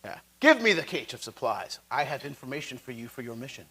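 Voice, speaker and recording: A man's voice: mid-range voice, sing-song, quick pace, bright, forceful tone, voice pushed down, poor audio. A man voicing a haughty scheming halfling. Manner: haughty, dismissive, condescending. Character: arrogant scheming male halfling informant.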